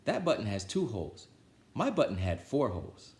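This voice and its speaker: A man's voice: fairly low pitch, wildly swooping pitch, moderate pace, darkish tone, roomy sound. A man voicing a grumpy, easily exasperated male toad from a children's storybook, exclaiming and wailing his complaints. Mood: complaining.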